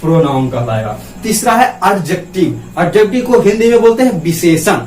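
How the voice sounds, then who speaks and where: Man, high voice, grammar teacher, asks and answers his own questions, heard from afar. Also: lively intonation, normal speed, darkish tone. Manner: writes on a board with a marker. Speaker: English teacher. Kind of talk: classroom grammar lesson. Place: classroom with a board. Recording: roomy, from some distance.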